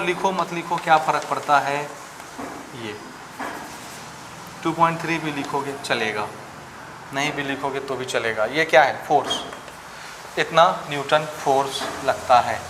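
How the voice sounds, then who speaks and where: Male teacher, slightly high voice, classroom lecture, quizzes students, echoey room, faint background noise. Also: a little slow, long pauses. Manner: asks students questions, works sums aloud. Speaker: physics teacher.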